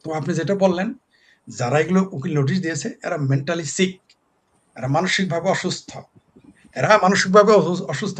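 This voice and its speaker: A man's voice: sits high, fairly bright tone. A man, a talk show guest giving heated, scornful political commentary with mocking lists.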